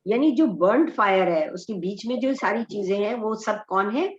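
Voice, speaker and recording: A middle-aged woman teaching an online scripture class, slowly chanting verses and then translating them line by line. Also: mid-range voice, lively intonation, roomy sound, highs cut off. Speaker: Gita study group teacher. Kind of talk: slow scripture recitation and explanation. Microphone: online group call.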